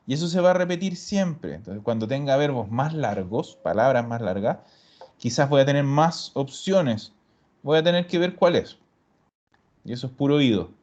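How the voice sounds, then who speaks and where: A man's voice: medium pitch, lively intonation, normal speed, a little mellow. A man teaching a grammar class, explaining step by step and patiently repeating his students' answers. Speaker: Italian teacher. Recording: dull lo-fi recording.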